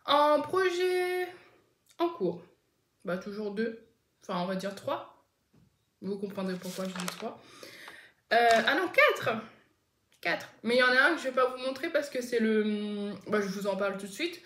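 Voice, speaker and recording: A woman's voice: medium pitch, normal speed, a bit bright, echoey room, slight background noise. A woman hosting a casual knitting vlog, chatty and rambling, with many fillers and self-corrections. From France. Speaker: knitting podcast host. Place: indoors at home, seated on a chair.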